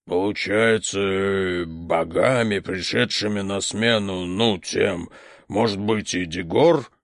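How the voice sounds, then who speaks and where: A man doing a gravelly drunk bear. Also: steady tone, slow pace, no echo, clean studio sound. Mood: muddled. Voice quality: drunken bass, hesitant. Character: drunk male bear creature, gruff and slurring.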